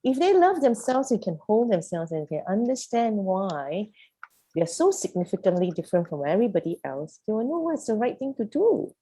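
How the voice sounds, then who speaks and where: A woman's voice: mid-range voice, sing-song, normal speed, warm tone, husky. A woman facilitating a youth program over a video call, speaking emphatically and posing one rhetorical question after another. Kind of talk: animated group coaching.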